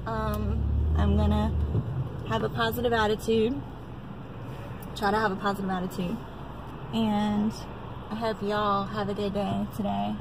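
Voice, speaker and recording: Young woman vlogging from her car, gravelly, rambling, heavy road noise. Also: mid-range voice, level tone, measured pace, long pauses. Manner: chatty, rambling, upbeat, many fillers. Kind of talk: casual chat to camera.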